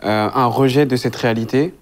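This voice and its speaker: A man in his twenties from France, speaking in a measured way with many pauses in a casual group discussion. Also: medium pitch. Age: 20s. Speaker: discussion participant.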